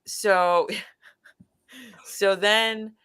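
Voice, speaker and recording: A woman in a casual chat as a guest, telling a lab story with lively acted-out quotes and many restarts. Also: medium pitch, very slow, smooth.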